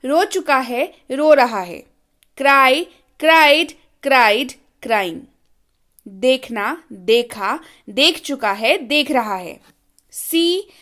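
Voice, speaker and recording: A woman teaching an English lesson, reciting verb forms in a steady chant and patiently explaining pronunciation. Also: high voice. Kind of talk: slow, drilled vocabulary lesson.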